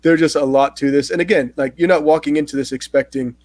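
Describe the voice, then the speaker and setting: A man hosting a casual movie-review chat, relaxed and animated when he gets going. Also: a little high, quick pace, no room sound. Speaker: host.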